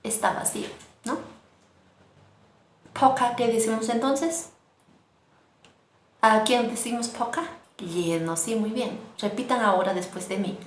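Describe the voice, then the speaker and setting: A woman's voice: fairly high pitch, a little slow, long pauses. A woman teaching Aymara words online, patiently repeating each one so learners can say it after her. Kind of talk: online language lesson. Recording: echoey room with faint noise.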